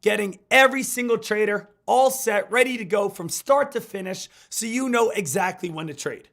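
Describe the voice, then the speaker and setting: A man with a hoarse smoker's rasp, getting over an illness, hosting a high-energy live stream about stock trading. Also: moderate pace, a bit bright. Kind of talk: hyped live stream market commentary.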